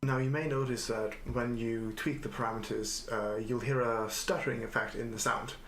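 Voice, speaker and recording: A man calmly and methodically walking through a software tutorial he made, with the odd filler "uh". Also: medium pitch, normal speed, over music. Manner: calm, methodical explaining with filler uhs. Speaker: software developer demonstrating his editor. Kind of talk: screen-recorded software tutorial. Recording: echoey room, faint noise.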